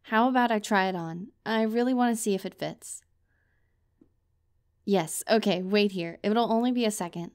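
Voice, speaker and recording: A woman's voice: medium pitch, moderate pace, darkish tone. A young woman performing a scripted comedic girlfriend role-play, talking to the listener in a playful, teasing, rambling way.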